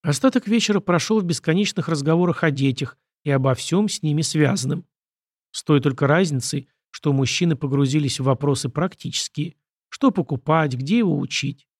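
A man's voice: fairly high pitch, expressive, fairly quick, no echo. Man narrating an audiobook, dry sound.

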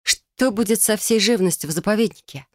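A reader voicing a young woman heroine who speaks quietly and earnestly, grateful and anxious. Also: medium pitch, fairly quick, no echo, clean studio sound, voice pushed up, close to an everyday voice. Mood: worried.

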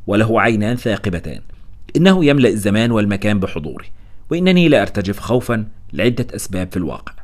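A man reads a novel aloud in a brisk, lively storyteller's voice. His pitch sits on the low side but swings widely, and his dry wit colours the narration.

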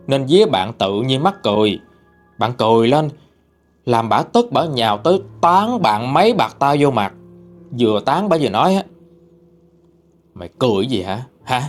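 Man narrating a ghost story, lively voice. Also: mid-range voice. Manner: casual, conversational telling.

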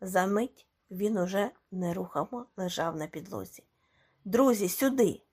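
A woman reading a short story aloud as audiobook narration, expressive and dramatic. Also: fairly low pitch, normal speed, breathy edge. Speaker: audiobook reader. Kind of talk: scripted narration.

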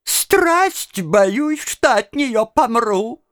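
A man's voice: extremely high pitch, expressive, extremely slow, fairly bright tone, voice pushed up, full character voice. A man voicing a frail old woman in a joke, mumbling and shaky. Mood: fretful.

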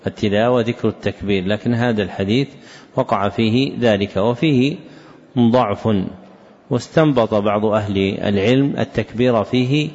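A male teacher explains hadith narrations, pausing between short, measured phrases. His voice sits on the low side. The recording is dull, with a long hall reverb behind him. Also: darkish tone.

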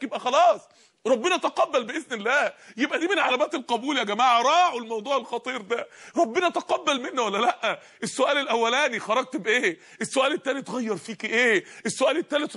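Egyptian male preacher, very high and bright, breathy edge, rapid and impassioned, rhetorical questions. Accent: Egyptian Arabic. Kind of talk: sermon.

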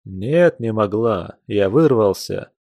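A man reading an audiobook, voicing a weary, heartsick young man who talks slowly and reluctantly, with sighs. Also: lowish voice, animated, vocal fry, a little mellow, no room sound, full character voice. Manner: slow, sighing, reluctant.

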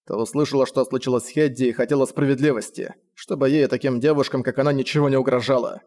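A sullen, bitter young man, as a male narrator reads him, curt and flat with hardly any expression. The storybook voice sits close to the reader's own. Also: mid-range voice, quick pace, natural voice.

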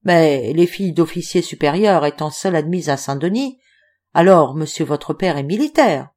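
A woman reading an audiobook voices a bewildered, courteous young gentleman who asks flustered questions. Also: deep voice, lively intonation, normal speed.

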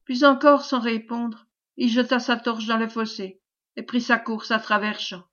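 A woman reading a novel aloud as audiobook narrator, in measured, even storytelling. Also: fairly high pitch, dull audio. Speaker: audiobook reader.

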